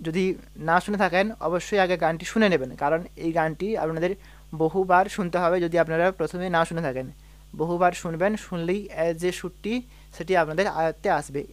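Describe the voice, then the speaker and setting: A man teaching a devotional song on harmonium, singing note names and breaking words slowly into syllables. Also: sits high, steady tone. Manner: sings sargam note names over the harmonium. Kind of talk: music lesson, singing and explaining notes. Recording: harmonium playing along.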